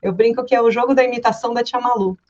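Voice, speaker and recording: Lively Brazilian voice-over woman, lo-fi. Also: fairly high pitch, rapid-fire. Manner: lively storyteller, voices others in quotes. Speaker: voice-over artist and director, guest. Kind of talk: casual podcast chat.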